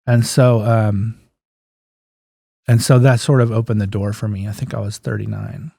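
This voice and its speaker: His voice lowish, creaky and mellow with fairly even intonation at normal speed, a man in his 50s shares casual stories as a guest on an interview. He runs a clinic and works as a physical therapist, and his plain, folksy talk often quotes past conversations. The studio sound is clean, without echo.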